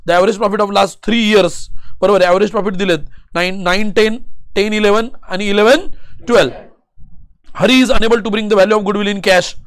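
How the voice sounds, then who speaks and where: A man with a Marathi accent teaching an accounting lesson, firing quick questions, answering them himself, urging students to speak up, and reading problem text slowly. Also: high voice, steady tone, clear, resonant tone. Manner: urges students to answer loudly; switches between Marathi and English. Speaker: commerce teacher.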